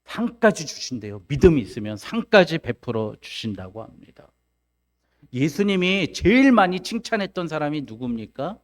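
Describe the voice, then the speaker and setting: A man's voice: on the high side, very animated, normal speed. A middle-aged male pastor giving a sermon, acting out the voices of the people he quotes.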